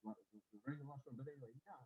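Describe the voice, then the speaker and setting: A man teaching a Torah class, talking haltingly with many fillers, while his sound keeps dropping out. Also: medium pitch, steady tone, husky, no room sound. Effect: sound dropping out in spots. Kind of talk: live lecture to a study group. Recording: muffled audio with dropouts.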